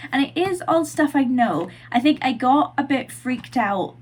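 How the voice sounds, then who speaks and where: A young woman, a university student and vlogger, chats casually from her room with lots of "like" and "um", her nose stuffed up from a cold. Her high-pitched voice is animated, a little slow, and slightly rough.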